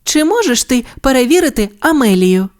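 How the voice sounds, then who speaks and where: A spirited young girl stunt pilot, as a woman reading a story puts her on. The voice is raised well above the reader's own and moves around a lot. She speaks in excited exclamations. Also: sits high, moderate pace, voice pushed up. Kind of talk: audiobook character voice.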